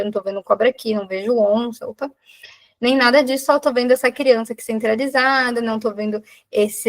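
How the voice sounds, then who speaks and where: Woman tutor with a Brazilian accent and vocal fry. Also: on the high side. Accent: Brazilian Portuguese. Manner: explanatory, asks the class rhetorical questions. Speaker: exam prep tutor, doctor. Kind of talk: live exam prep lesson.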